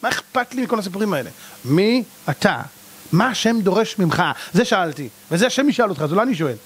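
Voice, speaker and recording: High-voiced rabbi firing rhetorical questions. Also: male voice, slightly rough. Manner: animated, hammering rhetorical questions; blunt, scolding and mocking. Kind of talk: sermon to a live audience.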